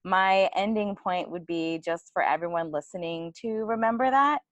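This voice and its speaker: A woman's voice: fairly low pitch, moderate pace, no echo, highs cut off. A woman guest speaking earnestly and reflectively in a casual interview, with frequent fillers. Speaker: podcast co-founder guest.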